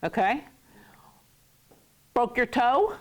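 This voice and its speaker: A woman's voice: fairly high pitch, sing-song, drawn-out words. A woman teaching a class who jokes with her students, laughs often and repeats words to drill them. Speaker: Hebrew teacher. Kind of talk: classroom lesson.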